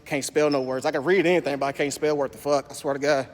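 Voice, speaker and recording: A man with a Southern US country accent vlogs from a gym, his voice on the high side and steady, with a big-room sound. He has a slight S lisp and slurred speech, rambling and swearing in a deliberately slowed way. It's a casual vlog monologue from a fitness vlogger.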